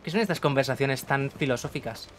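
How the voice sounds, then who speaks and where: A man's voice: medium pitch, fairly quick, a little hiss or hum. A man with an accent from Spain giving jokey, casual let's-play commentary, talking to the screen and swearing freely. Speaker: gaming streamer.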